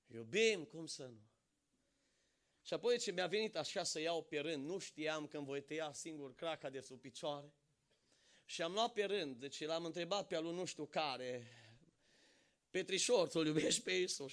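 A male preacher with a forceful, ringing voice, sitting somewhat high for a man. He moves between impassioned shouted exhortation and calm, conversational storytelling. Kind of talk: sermon.

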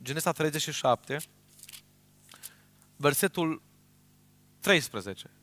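A man preaching a sermon in a church, emphatic, swinging between loud and quiet and often checking in with his listeners. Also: on the high side, lively intonation.

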